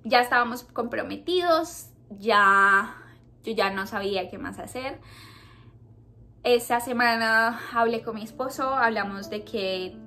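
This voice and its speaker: A young Colombian woman telling a personal story to her camera, halting and repeating herself, close to tears. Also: on the high side, sharp tone. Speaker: vlogger.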